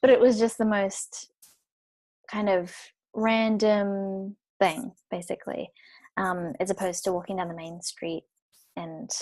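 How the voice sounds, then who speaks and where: A woman's voice: medium pitch, unhurried. Chatty woman guest telling a story. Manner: relaxed, chatty, frequent fillers. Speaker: podcast guest. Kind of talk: casual storytelling interview.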